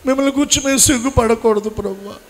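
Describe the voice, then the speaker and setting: A man's voice: very high voice, rapid-fire. A man preaching as a pastor, leading an emotional prayer with pleading, repeated lines that swell and fall. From Andhra Pradesh, India. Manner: pleading, repetitive, rising and falling in intensity.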